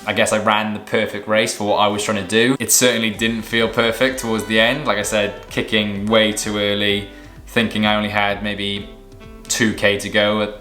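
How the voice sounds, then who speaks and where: A man's voice: lowish voice, pushed and bright. A young man giving a casual, matter-of-fact vlog recap in a conversational way. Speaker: vlogger and amateur runner. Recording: roomy echo, music behind.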